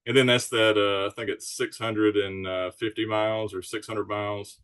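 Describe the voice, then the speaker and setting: Podcast guest: easygoing man, fairly low voice, informal and explanatory. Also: little pitch movement, normal speed, a bit bright, smooth. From Alabama Gulf Coast, United States. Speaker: podcast guest, charter sailboat captain. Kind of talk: casual chat, explaining.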